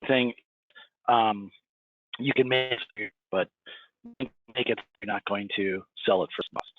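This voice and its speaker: Man on choppy phone-like call audio. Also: lowish voice. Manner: halting, restarting phrases. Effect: audio cutting in and out, uneven volume. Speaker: webinar panelist answering questions. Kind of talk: halting live webinar Q&A.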